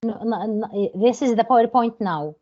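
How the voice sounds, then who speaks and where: Mellow-voiced woman moderating a call. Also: fairly high pitch. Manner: patient, halting, with restarts. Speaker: conference moderator. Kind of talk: helping with screen sharing. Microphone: video call. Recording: dull lo-fi video call audio.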